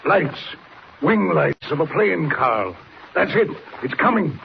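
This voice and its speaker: An actor playing a sinister, menacing professor with a deadly invention in a 1940s radio serial. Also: male voice, on the high side, very animated, slow pace, vocal fry, full character voice. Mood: gloating. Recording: noisy, muffled old radio recording.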